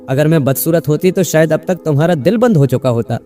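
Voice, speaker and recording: A man's voice: a little high, animated, mellow, natural voice. A man voicing a playful, mocking female witch spirit in a storybook tale. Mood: teasing.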